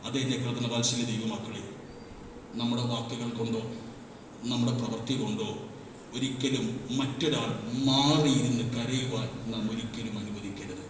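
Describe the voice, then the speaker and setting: Guy preaching hard, goes quiet then shouts, really echoey church hall, faint hiss. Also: mid-range voice, steady tone, moderate pace. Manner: impassioned, swings from hushed to shouting. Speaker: pastor. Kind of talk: sermon. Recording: echoey hall, mic far off.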